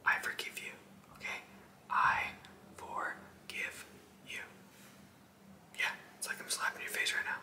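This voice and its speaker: Bright and forceful in an echoey small indoor room, this twenty-something ASMR host delivers fast, breathy whispering. His manner is aggressive and insistent, with clipped phrases he repeats while addressing the listener directly.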